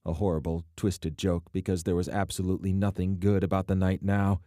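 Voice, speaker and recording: Deep-voiced male audiobook narrator. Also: level tone, brisk, mellow, dry recording, clean studio sound. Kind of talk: scripted narration.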